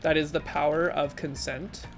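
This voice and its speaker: A woman live-streaming, chatting casually with her viewers in a rambling, animated way full of fillers. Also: normal speed, soft background music. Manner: animated, with sudden jumps in pitch. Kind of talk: casual live-stream chat while gaming and reading chat.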